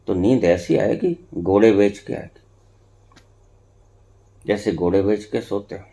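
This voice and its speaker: With a lowish voice and measured pace, a male spiritual teacher gives a discourse to followers. He moves between quiet and forceful moments, repeating phrases for emphasis.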